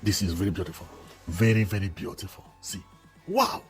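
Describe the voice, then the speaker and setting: A man's voice: sits low, big pitch swings, brisk, soft background music. Enthusiastic man narrating a tour. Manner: enthusiastic, repetitive exclamations. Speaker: vlogger.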